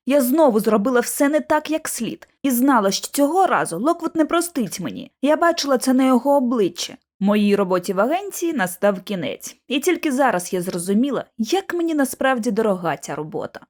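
Expressive woman reading a storybook. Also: on the high side, a little fast, few pauses. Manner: expressive first-person telling. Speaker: audiobook narrator. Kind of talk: storybook narration.

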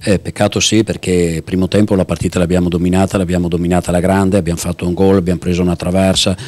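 Coach in his fifties, low flat voice, rapid firm post-match talk, dry handheld mic. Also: dry recording. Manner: firm and frustrated, quick emphatic lists. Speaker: football coach. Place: in front of sponsor backdrop at a stadium. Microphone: handheld mic held by interviewer.

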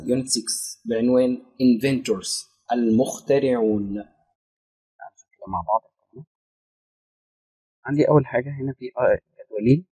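A man's voice: mid-range voice, mellow, slightly rough, no echo, low-quality recording. A man with an Egyptian Arabic accent teaching an English vocabulary lesson to school students, reading word lists aloud and explaining each meaning.

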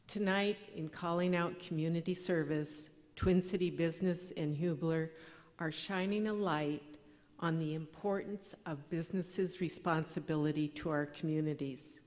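A middle-aged woman, giving a measured, earnest award acceptance speech at a podium microphone in a large banquet hall. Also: deep voice, steady tone, darkish tone. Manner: measured, earnest, read from notes. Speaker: award recipient. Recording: long hall reverb.

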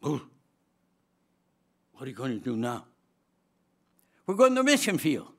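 In a large auditorium, an older former dean with a Swedish accent preaches into a lectern microphone, turning his chapel sermon into a story. He speaks at a measured pace in a mid-range voice. Humor runs throughout, with frequent laughter, lively energy, and sweeping gestures.

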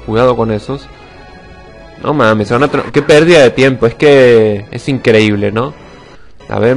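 A young man giving casual let's-play commentary, excitable and swearing, shouting when attacks miss. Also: medium pitch. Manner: excitable, swears a lot, sudden shouts at misses. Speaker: gaming channel host.

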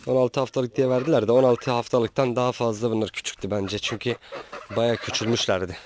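A man's voice: mid-range voice, level tone, fairly quick. A man chatting casually on his farm vlog, talking to his chickens and geese, scolding and coaxing them as he films. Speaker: small-farm vlogger. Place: outdoors at a small backyard farm. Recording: outdoor farm with audible poultry noise. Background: chickens and roosters clucking.

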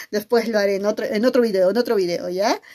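A woman's voice: medium pitch, brisk, dark tone. A middle-aged woman teacher giving a video lesson, talking expressively and often checking in with her listeners. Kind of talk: video lesson on nonverbal communication.

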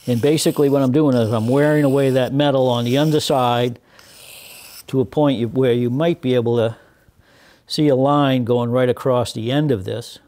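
Older man with a mellow voice explaining carving. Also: medium pitch, fairly even intonation. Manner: deliberate, explanatory, with frequent fillers and restarts. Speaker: woodworking instructor. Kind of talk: hands-on demonstration. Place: woodworking workshop at a bench.

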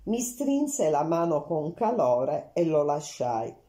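A woman reading an audiobook aloud at an unhurried pace, with lively intonation. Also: low voice. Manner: unhurried, lively intonation, reads all characters. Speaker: audiobook narrator.

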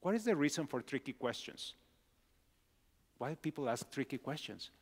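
A man's voice: mid-range voice, big pitch swings, moderate pace. A middle-aged male pastor giving a children's message, asking the children simple questions. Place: large church sanctuary. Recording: long hall reverb.

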